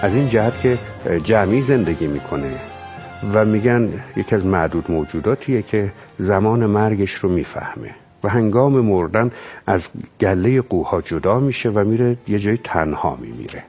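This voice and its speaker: A man explaining thoughtfully in a relaxed conversation. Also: fairly low pitch, soft background music.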